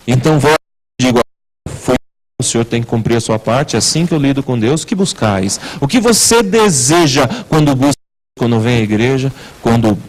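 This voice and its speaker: Man, pastor, church sermon, expressive delivery, rhetorical questions, medium pitch. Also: poor audio.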